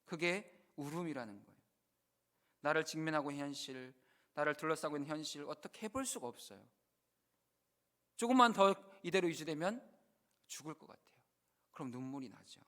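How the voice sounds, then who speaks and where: A male pastor preaching a sermon, earnest, rising to loud emphasis and dropping to hushed, quoted prayers. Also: on the high side, lively intonation, brisk.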